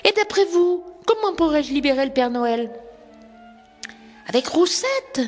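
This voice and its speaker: A woman's voice: high voice, expressive, unhurried, in a large hall, faint music behind, voice pushed up. A woman doing an eager young chimney sweep. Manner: bright, eager, talking to children.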